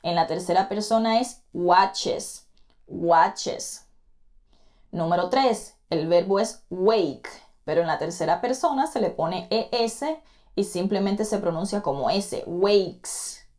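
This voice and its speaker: Woman, English teacher, online lesson, unhurried delivery, repeats each word, talks straight to the student. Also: lowish voice, animated, a little mellow. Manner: patient, repeats words slowly to model pronunciation; addresses the student directly, encouraging repetition.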